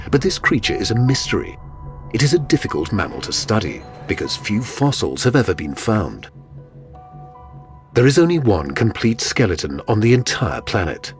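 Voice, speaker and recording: A man reading scripted documentary narration in a dramatic manner. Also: on the low side.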